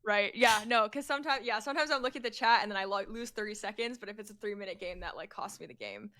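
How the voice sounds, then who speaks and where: Bright-voiced young woman chess streamer. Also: mid-range voice, lively intonation, fast talker, dry recording. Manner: bright, hesitant, many "um"s, laughs easily. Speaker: chess streamer, guest coach. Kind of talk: casual stream chat.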